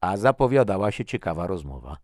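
A man's voice: low-pitched, unhurried, darkish tone, no room sound, clean studio sound. A man voicing a sardonic male archaeologist in an audiobook reading. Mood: wry. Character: wry young male Polish archaeologist.

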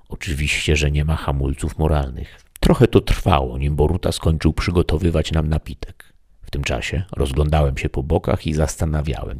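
A man's voice: extremely low pitch, vocal fry, darkish tone, husky. A man narrating a first-person audiobook story in a dry, wry way.

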